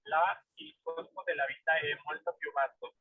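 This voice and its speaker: A male student on a video call, reading a class text aloud slowly and carefully. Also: on the high side, slightly rough, dry recording, phone-quality sound.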